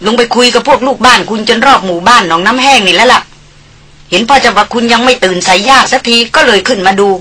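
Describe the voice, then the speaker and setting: A woman doing a haughty, sharp-tongued young noblewoman. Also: a little high, quick pace, voice pushed up. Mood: scolding. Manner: scolding, haughty, decisive.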